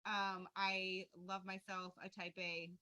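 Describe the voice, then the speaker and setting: A woman's voice: medium pitch, little pitch movement, takes it slowly, pushed and bright, clear, resonant tone, dry recording, rough recording. A woman coaching a wellness group, chatting casually and upbeat over a video call, with lots of fillers. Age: adult with a young daughter.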